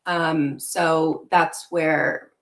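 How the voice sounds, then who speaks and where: Young woman guest, from Venezuela, lowish voice, earnest, reflective, fillers. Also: flat delivery, very slow, fairly bright tone. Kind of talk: casual interview talk.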